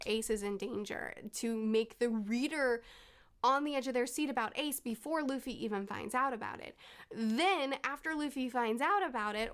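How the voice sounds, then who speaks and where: A woman reviewing a story in spoken commentary, measured and analytical as she explains things step by step. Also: fairly high pitch. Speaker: video reviewer.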